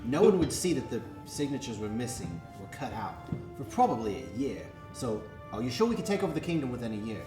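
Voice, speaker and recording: A man playing a brainy, cautious medieval forger in an improvised role-play, explaining his schemes excitably. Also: mid-range voice, a little fast, natural voice. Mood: crafty. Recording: echoey room, music over the talk.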